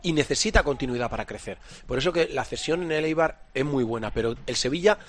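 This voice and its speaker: Fast-talking Spanish radio football pundit. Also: male voice, medium pitch, expressive. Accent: Spanish from Spain. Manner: fast, insistent tactical explaining.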